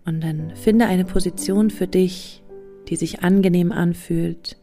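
A woman leading a guided meditation softly and soothingly, close to the listener's ear with breathy phrases and long pauses. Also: lowish voice, steady tone. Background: soft music.

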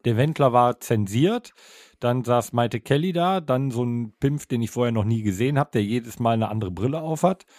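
A man co-hosting a podcast, talking in a relaxed, opinionated way with frequent hesitations. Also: medium pitch, moderate pace, no room sound, clean studio sound. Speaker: podcast co-host. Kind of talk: casual chat.

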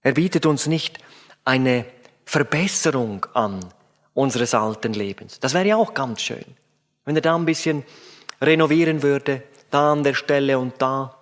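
A man's voice: mid-range voice, a little slow. A man preaching a sermon in an emphatic way, addressing his listeners directly.

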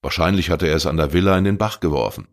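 A man with a low voice reads a crime story at a fast clip. He voices a talkative teenage boy who pleads and eagerly justifies himself in a defensive mood.

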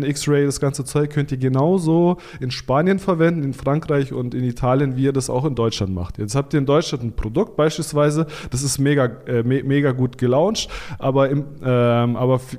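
A man talking as a podcast guest about online selling. He gives blunt, informal advice in a casual chatty way, stumbling into restarts and fillers as he thinks aloud. His voice sits at a medium pitch. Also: darkish tone. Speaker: podcast guest, Amazon seller consultant. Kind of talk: casual expert interview talk.

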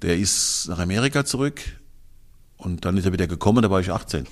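A man's voice: low voice, expressive, fast talker. A man in his sixties, a guest in a casual interview, talking in a blunt, colloquial and emphatic way with some crude slang. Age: 60s.

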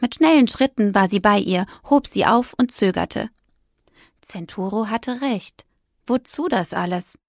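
A woman narrating a children's story in an expressive storytelling manner. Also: mid-range voice, a little slow, dry recording, studio quality. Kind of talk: audiobook narration.

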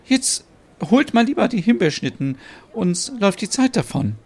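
A man's voice: sits high, very animated, moderate pace, darkish tone, slightly rough, voice pushed up, exaggerated voice. A man voicing a bossy, impatient woman in a podcast soap opera.

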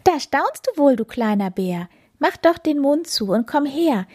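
A woman voicing a chatty, excited female cat in a children's story, breathy and high. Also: a little slow. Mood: eager.

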